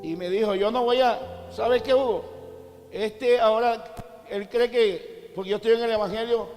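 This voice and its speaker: Colombian coast preacher guy, high voice, big church echo w/ soft music under. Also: fairly even intonation, normal speed. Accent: Colombian Caribbean coast. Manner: storytelling, acting out quotes, rising to shouts. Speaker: apostle preaching. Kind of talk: sermon. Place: large church cathedral. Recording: long church reverb with faint music.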